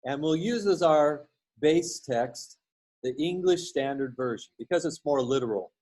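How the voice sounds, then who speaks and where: Slow-speaking man teaching a lesson. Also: on the high side, lively intonation, a little mellow. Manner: unhurried, explanatory, with many fillers and restarts. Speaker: instructor. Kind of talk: recorded lecture with screen share.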